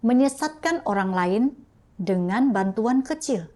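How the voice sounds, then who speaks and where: A woman preaching a sermon in a slow, deliberate way. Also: a little high, lively intonation, darkish tone.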